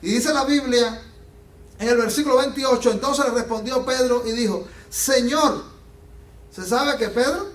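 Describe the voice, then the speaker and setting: A man preaching a sermon as pastor, animated and acting out the Bible scenes he tells. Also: very high voice, moderate pace. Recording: echoey room from a distance.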